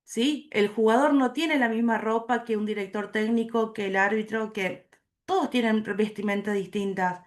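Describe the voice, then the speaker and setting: A woman, a teacher giving an online class lecture, explaining slowly and asking the class questions, on a video call. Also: a little high, fairly even intonation.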